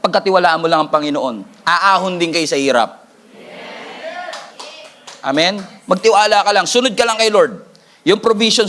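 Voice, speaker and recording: A man preaching a sermon as pastor, animated, joking and calling for responses from the congregation, repeating key lines for emphasis. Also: high voice.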